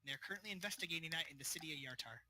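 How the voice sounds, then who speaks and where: Bright-voiced man running a tabletop game. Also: fairly high pitch, very fast, slight background noise, low-quality recording. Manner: rambling, with frequent fillers and restarts. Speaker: game master. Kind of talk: recapping a tabletop game session.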